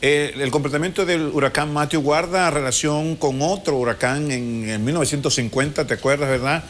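A middle-aged man hosts live TV, asking wordy questions in a halting way. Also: on the high side, fairly bright tone, a little hiss or hum. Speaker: TV host. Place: TV studio.

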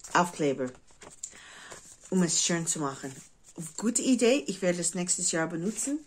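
American woman speaking halting, English-accented German. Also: fairly low pitch, fairly bright tone, a little hiss or hum, poor audio. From United States. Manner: halting, searching for German words, slipping into English. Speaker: craft vlogger. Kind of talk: casual chat to camera. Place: living room at home, indoors.

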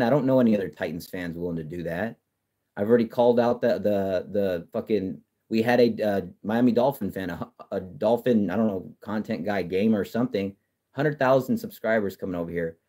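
Profane, excitable male livestream host. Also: fairly low pitch. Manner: profane, excitable, trash-talking, frequent restarts. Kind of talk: casual live-stream chat reading comments.

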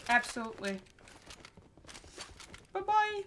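Slow and sharp-toned, a young Dutch-accented woman from the Netherlands uses big pitch swings in a slightly high voice as she laughs, chats casually, and reads chat aloud while streaming a game. Background noise comes through clearly.

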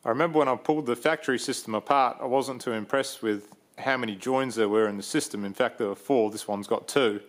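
A man's voice: mid-range voice, fast, hardly any pauses, echoey room. A young Australian man casually explaining a car part swap in a workshop shed, plain-spoken with plenty of ums. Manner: relaxed, plain-spoken, frequent ums and uhs. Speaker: vlogger. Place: large metal workshop shed.

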